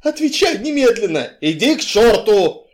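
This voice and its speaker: A male reader voicing a reckless, fiery young woman who shouts and demands the truth. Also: a little high, very animated, moderate pace. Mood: angry, demanding.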